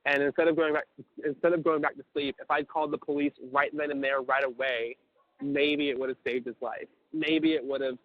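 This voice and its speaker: A man's voice: on the high side, little pitch movement, brisk, dry recording. Profane young man on a tinny phone line. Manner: profane, stammering restarts, acts out quoted voices. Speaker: caller telling a story. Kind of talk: casual storytelling on a phone call.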